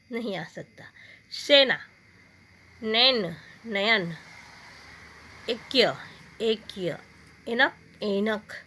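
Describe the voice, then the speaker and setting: Slow, bright-voiced woman teaching Hindi. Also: a little high. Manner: slow, deliberate, repeats each word twice. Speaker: school teacher. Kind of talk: Hindi grammar lesson.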